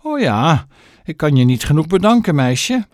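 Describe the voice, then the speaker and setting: A man voicing a grateful, gentle old male tramp for an audiobook, talking in a doting way. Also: on the high side, big pitch swings, normal speed, no room sound, studio quality, voice pushed up. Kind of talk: audiobook character voice.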